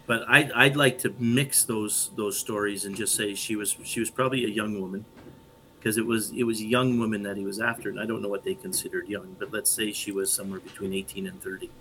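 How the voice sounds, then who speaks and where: A man explaining a Bible story in casual discussion, thoughtful and halting with frequent restarts. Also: lowish voice, steady tone, a bit bright, a little hiss or hum, poor audio. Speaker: podcast co-host and Bible teacher.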